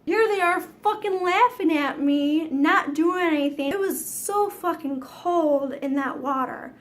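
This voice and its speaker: High-pitched woman vlogger, casual storyteller, dramatic and foul-mouthed. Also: a little slow. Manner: chatty, dramatic, swears freely.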